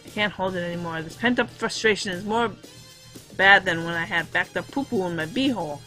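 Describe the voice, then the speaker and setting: A jittery teenage boy hero from a visual novel, spilling his thoughts in breathless, melodramatic bursts, read out by a woman. The tone is bright and pushed, with no real attempt at a boy's voice. Everything comes out overwrought and urgent. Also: fairly low pitch, fairly quick, faint music behind, rough recording. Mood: flustered. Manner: melodramatic, breathless inner monologue. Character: flustered horny teen boy protagonist. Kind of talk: reading a visual novel aloud.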